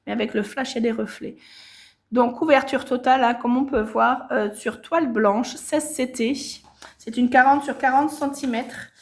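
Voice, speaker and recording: A woman's voice: fairly high pitch, fairly even intonation, moderate pace. A woman chatting casually to her viewers about her stitching projects, with many hesitations and self-corrections. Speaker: cross-stitch vlogger. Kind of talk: casual show-and-tell chat.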